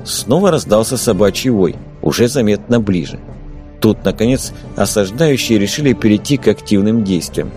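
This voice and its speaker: A man narrating an audiobook adventure in expressive scripted storytelling. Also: lowish voice, moderate pace, faint music behind.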